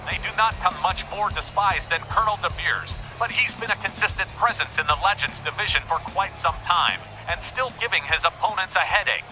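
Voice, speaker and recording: A man's voice: high-pitched, brisk, few pauses, over music, poor audio. A man acting as lead commentator and host of a wrestling show.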